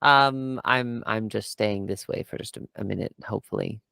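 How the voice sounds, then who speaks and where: A man's voice: on the low side, vocal fry, sharp tone, clean tone, no room sound, clean studio sound. A man running a tabletop game, narrating a character's speech with frequent hesitations. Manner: hesitant, many fillers and pauses. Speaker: game master.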